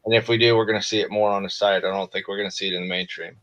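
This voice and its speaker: A man's voice: on the low side, fairly even intonation, rapid-fire, a bit bright. A man co-hosting over a video call, laid-back and swearing, with many restarts. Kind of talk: casual chat. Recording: dull lo-fi video call audio.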